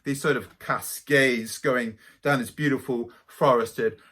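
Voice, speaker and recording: A middle-aged spiritual teacher with a light Welsh accent tells dramatic spiritual stories to camera. His medium-pitched voice moves slowly, and his manner is animated and theatrical.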